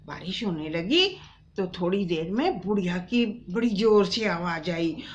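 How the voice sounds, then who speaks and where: A woman telling a children's bedtime story, speaking gently and addressing the children directly. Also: lowish voice, expressive, a little slow, dull audio, a little hiss or hum.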